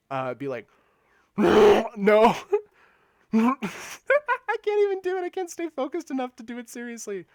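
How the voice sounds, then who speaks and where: A man's voice: mid-range voice, no echo, studio quality. A man streaming a game live, chatting casually with viewers, laughing often and repeating words as he talks. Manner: giggly, stammers and repeats words; chats with viewers while playing. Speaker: gaming streamer.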